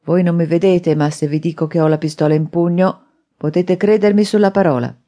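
A woman narrator voicing a drunken, furious man who shouts and threatens. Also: on the low side, fairly even intonation, fairly quick, close to an everyday voice. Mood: angry. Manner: loud, shouting, blustering.

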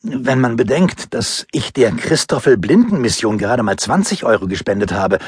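Male audiobook narrator, husky tone, lively pitch, dry ironic first-person read. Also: normal speed, dry recording.

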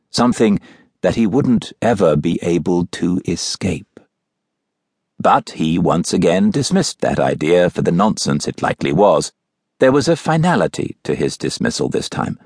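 Deep, husky male audiobook narrator. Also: no echo. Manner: measured, even storytelling. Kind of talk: scripted narration of a mystery novel. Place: recording studio. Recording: dry, close studio recording.

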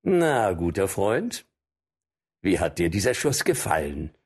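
A man's voice: deep voice, very animated, unhurried, husky, full character voice. A man voicing a proud, defiant young archer in an audiobook reading. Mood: triumphant. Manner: bold, boastful.

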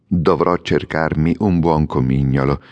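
A man's voice: very deep voice, fairly even intonation, measured pace, lo-fi sound, pitched below the performer's own voice. A man voicing a fussy young male swallow, proud and complaining, in an audiobook fairy tale. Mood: indignant. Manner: peevish, exclaiming. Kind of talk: audiobook character reading.

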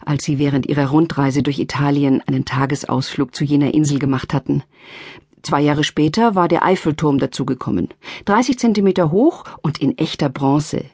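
A middle-aged woman reading a humorous novel aloud as an audiobook narrator, with lively shifts in pitch as she voices different characters. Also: husky, no echo, clean studio sound. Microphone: close studio mic.

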